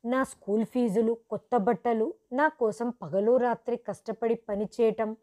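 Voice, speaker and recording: A woman's voice: on the high side, steady tone, unhurried, dark tone. Woman narrating an earnest story. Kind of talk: scripted first-person story narration.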